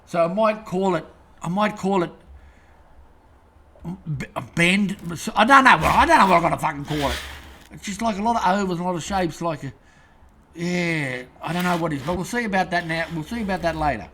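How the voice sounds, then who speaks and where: High-voiced sweary Australian man. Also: fairly quick, bright, forceful tone, a little hiss or hum. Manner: angry, sweary, rambling. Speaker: host. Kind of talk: profane rant to camera.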